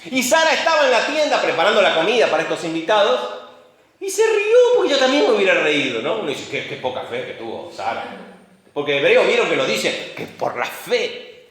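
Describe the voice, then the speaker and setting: A man preaching a sermon, full of rhetorical questions and swinging between loud outbursts and hushed moments. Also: high-pitched, very animated, a little fast. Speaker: pastor. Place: church. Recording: very echoey church room.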